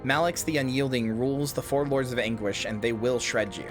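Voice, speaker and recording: A game streamer talks casually while he plays, his mid-range voice running a little fast over faint background music. He rambles, packs in fillers, swears, and breaks into loud outbursts.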